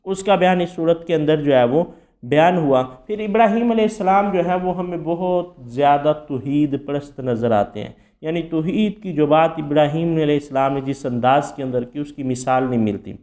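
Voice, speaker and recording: A man with a Pakistani Urdu accent giving a measured, explanatory Quran commentary lecture. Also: fairly high pitch, mellow. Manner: explanatory, measured, lists many names one by one. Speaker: religious commentator.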